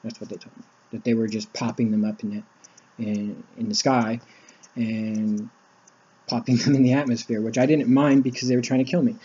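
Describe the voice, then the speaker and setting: Man, personal testimony, halting and emotional, husky, muffled recording. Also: mid-range voice, flat delivery, mellow. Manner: halting, full of restarts and fillers, emotional. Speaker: man recounting spiritual visions. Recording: dull lo-fi recording.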